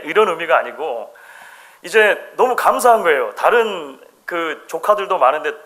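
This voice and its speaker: A middle-aged male pastor giving a sermon in a church, telling everyday stories and acting out quoted lines with slow, drawn-out emphasis. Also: fairly high pitch, bright, forceful tone. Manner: storytelling, quotes voices with dramatic slow emphasis. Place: church sanctuary.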